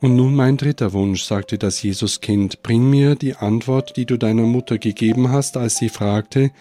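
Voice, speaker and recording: A man voicing a gentle, forgiving holy child in a manger, speaking softly and patiently. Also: medium pitch, moderate pace, natural voice.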